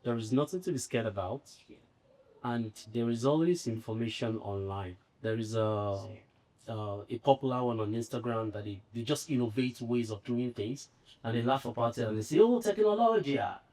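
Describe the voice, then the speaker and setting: A man's voice: mid-range voice, normal speed, darkish tone, poor audio. A man giving upbeat advice on a panel, laughing readily as he talks. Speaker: former trades student.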